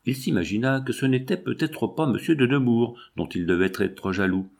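A man narrating a classic novel as an audiobook, in a measured, expressive reading. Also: medium pitch, gravelly.

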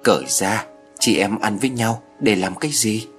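A man's voice: fairly low pitch, moderate pace, a bit bright, soft background music, lightly acted. A man voicing a bitter, scolding old grandmother in a spoken story. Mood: weary. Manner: grumbling, scolding.

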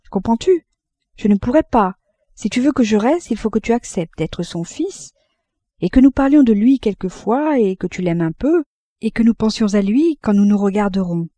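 A woman's voice: mid-range voice, dark tone, dry recording, close to an everyday voice. A woman voicing a middle-aged mother who pleads with her son in anguish and fear, her words breaking with emotion.

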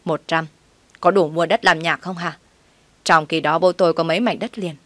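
A woman's voice: fairly low pitch, fairly even intonation, normal speed, fairly bright tone, no room sound. Woman voicing a cold, curt husband. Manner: curt, scolding. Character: cold, harsh young husband walking out.

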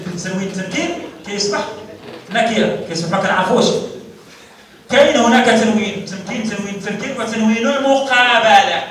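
Moroccan lecturer far off in an echoing hall. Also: male voice, high-pitched, fairly bright tone, slight background noise. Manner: questions the students and repeats key terms; frequent stammers and restarts. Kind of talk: university grammar lecture. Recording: roomy echo, mic far off.

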